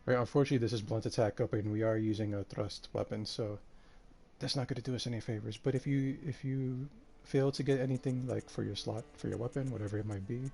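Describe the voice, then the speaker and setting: A man streaming a game live, tired and a bit out of breath, talking in a relaxed, rambling way with lots of fillers. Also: medium pitch, fast, creaky, slightly rough. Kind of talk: casual live-stream commentary.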